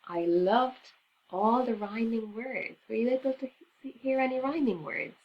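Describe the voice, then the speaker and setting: A woman reading a rhyming picture book aloud to children in an expressive, sing-song teacher's way. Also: fairly high pitch, unhurried, dull audio.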